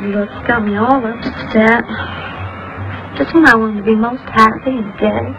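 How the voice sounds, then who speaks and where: A willful young belle. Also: female voice, on the high side, steady tone, unhurried, dull audio, background noise. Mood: coquettish. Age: young adult. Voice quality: coquettish, teasing. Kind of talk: film drama acting.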